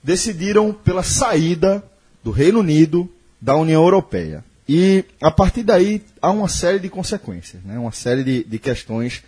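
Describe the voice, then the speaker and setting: A man's voice: on the high side, big pitch swings, moderate pace, a little mellow, breathy edge. A man hosting a casual podcast, explaining the topic at length and often tagging his sentences with short questions. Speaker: podcast host.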